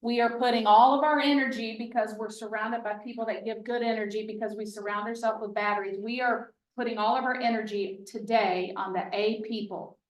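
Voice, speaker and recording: A woman giving a lively real estate training talk to a room, folksy and emphatic, with chatty asides. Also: fairly high pitch, recorded from a distance. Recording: roomy, from off the mic.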